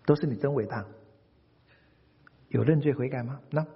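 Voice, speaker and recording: A man preaching a sermon in a lively, humorous way, acting out the people he quotes. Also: medium pitch, moderate pace, husky. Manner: animated, humorous, acts out quotes. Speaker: pastor. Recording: dull recording, long hall reverb.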